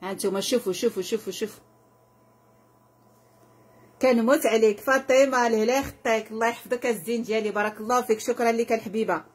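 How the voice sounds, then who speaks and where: Husky fast-talking Moroccan saleswoman. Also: on the high side. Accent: Moroccan Arabic. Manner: effusive, repetitive, calls out prices and blessings to viewers. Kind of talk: live sales pitch.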